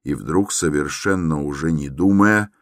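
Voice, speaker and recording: Deep male audiobook narrator, slow, measured, tense classic-novel reading. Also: no room sound, clean studio sound.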